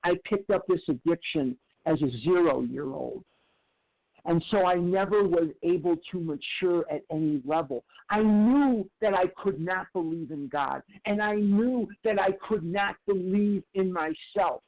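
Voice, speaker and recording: Man in his sixties, fairly high voice, emphatic candid storytelling, narrow tinny phone-like sound. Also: unhurried. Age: 60s. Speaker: recovery speaker. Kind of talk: personal recovery share.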